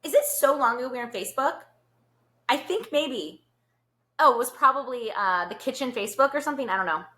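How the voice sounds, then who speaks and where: A woman's voice: sits high, animated, a little fast, pushed and bright. A woman hosting a podcast, telling stories in a chatty, gossipy way full of "like" fillers. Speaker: podcast host. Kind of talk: casual gossip chat.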